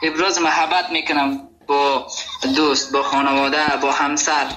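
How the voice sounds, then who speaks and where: A man from Ghazni with a Hazaragi accent, calling a radio show and slowly explaining words. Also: on the high side, flat delivery, sharp tone, a little hiss or hum, poor audio. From Ghazni, Afghanistan. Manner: slow, polite, explaining words. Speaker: caller.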